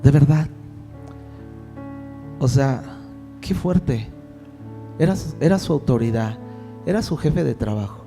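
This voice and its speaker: A male pastor preaching a sermon in a lively, conversational way, with jokes and rhetorical questions. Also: medium pitch, slow pace, pauses often, soft background music.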